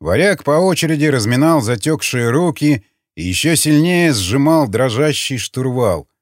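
Male audiobook narrator, animated dramatic delivery, dry close sound. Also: medium pitch, moderate pace, no echo.

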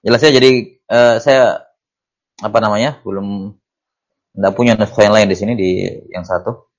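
A man teaching Arabic grammar from a classical text. He reads the Arabic passages slowly, then explains them quickly in Indonesian, asking questions and answering them himself. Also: fairly low pitch, steady tone. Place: study class.

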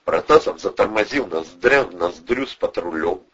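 A man narrating an audiobook, steady scripted storytelling. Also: sits low, normal speed, slightly rough, dull audio.

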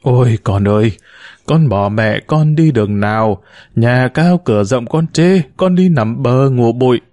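A man's voice: medium pitch, unhurried, darkish tone, no echo, natural voice. A man voicing a grieving elderly mother-in-law who pleads tearfully, in an audiobook reading. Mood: wailing. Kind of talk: audiobook narration.

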